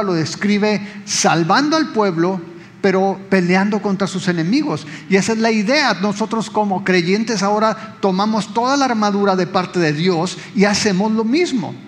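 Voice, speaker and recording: A man's voice: high voice, normal speed, in a large hall. A man preaching a sermon as pastor, explaining conversationally and speaking directly to the congregation.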